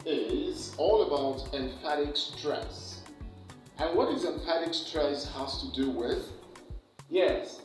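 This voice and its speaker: A man teaching an exam preparation lesson, slowly and deliberately, repeating key words for emphasis. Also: fairly high pitch, recorded from a distance. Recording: echoey room, off-mic, faint music.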